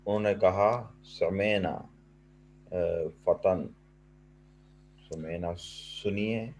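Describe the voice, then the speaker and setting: Deep-voiced male student, dull lo-fi sound. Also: darkish tone, slight background noise. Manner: hesitant, sounds out words, repeats after teacher. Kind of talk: reading aloud and translating in class. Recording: dull lo-fi audio.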